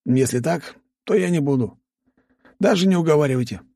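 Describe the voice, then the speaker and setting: A man's voice: on the high side, lively intonation, brisk, gravelly, warm tone, no room sound, voice pushed up. A male narrator voicing a wry, joking young aristocrat in an audiobook, in a raised register.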